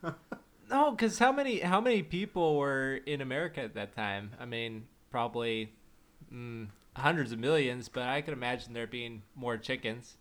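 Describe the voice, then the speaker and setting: A man co-hosting a casual podcast, easygoing in chat and soft-spoken when reading trivia. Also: mid-range voice, normal speed. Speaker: podcast co-host.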